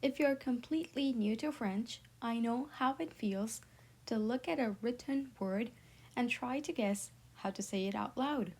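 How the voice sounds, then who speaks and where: A woman with a fairly high voice leads a beginner French lesson. She speaks slowly and patiently and has her listeners repeat each vowel after her. Now and then she drops into a soft whispered aside. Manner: slow, patient, drills sounds for repetition. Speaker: French teacher.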